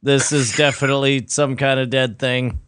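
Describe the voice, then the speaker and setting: A man's voice: medium pitch, steady tone, fairly bright tone, clean tone, dry recording, close to an everyday voice. A man doing a stiff robot cop voice. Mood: stiff robotic. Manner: robot voice, slow and mechanical, beeping sound effects. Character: stiff male robot police officer. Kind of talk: improvised comedy bit.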